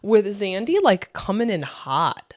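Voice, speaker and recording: A woman's voice: medium pitch, sing-song, a little slow. A woman in her early thirties co-hosting a podcast, chatting casually and acting out what people said. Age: 30s. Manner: chatty, lots of "like" and quoted asides. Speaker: podcast co-host. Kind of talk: casual chat.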